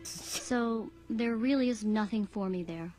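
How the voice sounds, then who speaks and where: An actress playing an earnest young woman in a video game, speaking softly and wistfully. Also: medium pitch, measured pace, close to an everyday voice. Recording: game audio over loud music.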